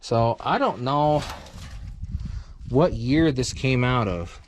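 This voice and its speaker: A man's voice: mid-range voice, lively intonation, takes it slowly, noisy background. Rambling man musing about an old truck. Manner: rambling, thinking aloud with many fillers. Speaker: channel host. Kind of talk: casual vlog commentary.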